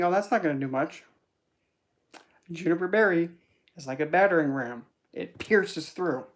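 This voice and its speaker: At a middle pitch, a spiritual teacher delivers a casual esoteric teaching talk. The delivery rambles and stays chatty, peppered with animated asides.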